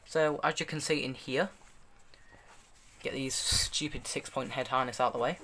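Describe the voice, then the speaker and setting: A man's voice: mid-range voice, steady tone, moderate pace, pushed and bright, slight background noise. A young man giving a casual, unscripted review, rambling and correcting himself as he demonstrates. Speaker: hobbyist video reviewer.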